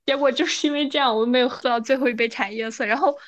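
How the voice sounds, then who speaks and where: A woman co-hosting a podcast, telling a story in a casual, animated way and often checking in with her listener. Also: sits high, racing. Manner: animated, frequent "你知道吧" asides. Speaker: podcast co-host.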